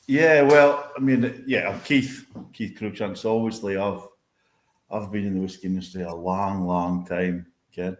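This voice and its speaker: A man's voice: low-pitched, steady tone, unhurried. A man in his fifties from north-east Scotland with a Doric accent, chatting casually and ramblingly about the past as an interview guest, using local dialect words. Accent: Doric north-east Scottish. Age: 50s. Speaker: interview guest, whisky industry veteran. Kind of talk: casual chat, reminiscing. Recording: roomy, echoing sound.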